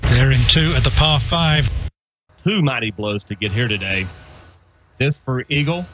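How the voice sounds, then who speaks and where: A man's voice: medium pitch, measured pace, a bit bright. A man playing a TV golf commentator, calling shots in broadcast style for a video game. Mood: appreciative.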